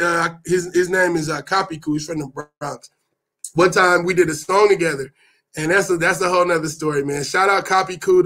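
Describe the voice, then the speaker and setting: A middle-aged man with an Oakland accent giving a loose, slangy hip hop lecture, with sudden loud bursts. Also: high voice. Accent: Oakland, California. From Oakland, California. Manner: loose and conversational, with slang and swearing. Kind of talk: casual lecture.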